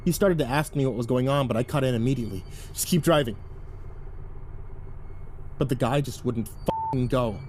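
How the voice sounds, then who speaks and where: A man reads a first-person horror story aloud in a tense, uneasy tone. Now and then he stammers nervously, and his voice sits in an ordinary middle pitch. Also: fast, hardly any pauses, a little mellow, a little hiss or hum. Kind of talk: first-person creepypasta narration.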